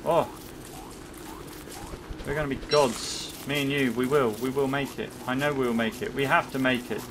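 A man giving jokey let's-play commentary, chatting to his in-game pet and swinging from bragging excitement to comic panic. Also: medium pitch, moderate pace, background noise. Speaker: gaming YouTuber.

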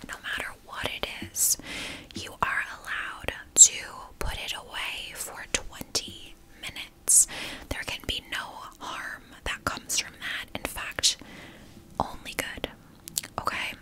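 An ASMR video host whispers a guided visualization in a breathy, unvoiced whisper, gentle and soothing yet casually rambling. The recording is rough.

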